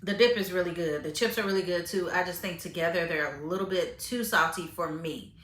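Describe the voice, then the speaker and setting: A woman talks to the camera about grocery finds, sampling the food while chatting with frequent fillers and restarts. Her fairly low, somewhat bright voice moves fairly quickly, and the sound is reverberant.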